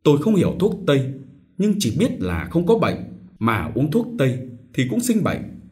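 A self-assured old herb doctor lectures with scorn, as a male reader puts him on. His voice sits higher than the reader's own, with a lively lilt. He sounds dismissive and certain of himself. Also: moderate pace. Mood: scornful.

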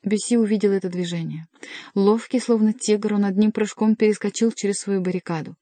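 A woman narrating an adventure novel as an audiobook reader, in an even, measured storytelling manner. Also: mid-range voice, no echo. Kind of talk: scripted narration.

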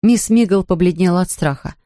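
A woman narrating a children's storybook aloud in an expressive reading voice. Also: lowish voice, normal speed, dry recording, studio quality. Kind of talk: audiobook narration.

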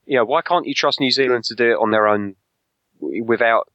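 A man's voice: mid-range voice, a little fast, dry recording, lo-fi sound. A man co-hosting a casual podcast chat, jokey and hesitant, with lots of ums and restarts. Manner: hesitant, many fillers, jokey. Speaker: podcast co-host.

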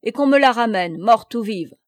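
A woman reading aloud, voicing a brash, imperious captain who gives loud orders. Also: on the high side, animated, measured pace, no room sound, clean studio sound, voice pushed up. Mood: commanding. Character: commanding man, a brash captain.

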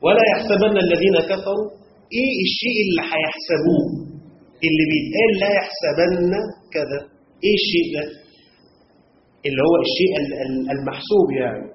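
An Egyptian-accented man teaching a class at a quick clip in a high voice, and he keeps stopping to quiz the students. The recording is roomy and dull, with a faint hiss behind him. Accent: Egyptian Arabic. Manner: quizzes the class with rhetorical checks. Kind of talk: classroom lesson on Quran commentary grammar.

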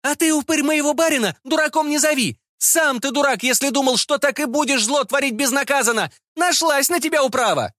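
A man voicing a bold, bitter young peasant actress in an audiobook, shouting and declaiming. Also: extremely high pitch, normal speed, dry recording, clean studio sound, voice pushed up. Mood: defiant. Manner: shouting, then declaiming verse.

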